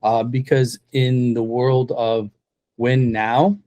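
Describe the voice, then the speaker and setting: A man's voice: medium pitch, flat delivery, slow pace, warm tone, muffled recording. A man hosting a podcast interview, jokey and chatty with many fillers. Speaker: podcast host. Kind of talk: casual interview conversation.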